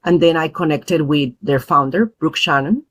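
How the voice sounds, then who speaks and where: Frequent pauses and fillers mark the earnest, thoughtful speech of a low-pitched woman being interviewed on a podcast. She grew up in Peru and is a mother and parent advocate.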